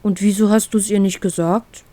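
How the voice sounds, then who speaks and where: A woman reading aloud and voicing a big, gentle male talking bear who speaks directly and skeptically to his friend. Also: mid-range voice, fairly even intonation, moderate pace, no room sound, natural voice. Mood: skeptical, calm.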